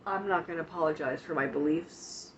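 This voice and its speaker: A woman with a low voice hosts a casual livestream about self-care, talking fairly quickly, frankly, and with swearing straight to her chat while sniffling and coughing from the flu. The streaming mic gives dull lo-fi audio with a little hiss or hum.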